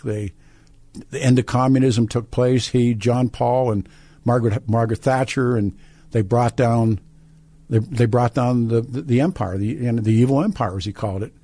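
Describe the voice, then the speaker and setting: In a radio studio, an American man hosts a conversational call-in show, his medium-pitched voice mellow and moderately paced. He often repeats and restarts phrases, and there's no room sound.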